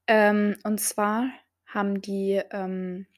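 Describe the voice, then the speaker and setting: A woman's voice: medium pitch, flat delivery, drawn-out words. A young woman hosting a solo podcast, talking hesitantly with many filler sounds and reading out quotes. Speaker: podcast host.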